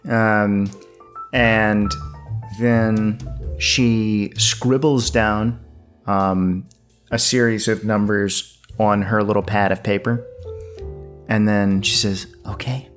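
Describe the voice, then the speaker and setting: A man running a tabletop game as game master, improvising narration in a hesitant, halting way. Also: fairly low pitch, fairly even intonation. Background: soft guitar music.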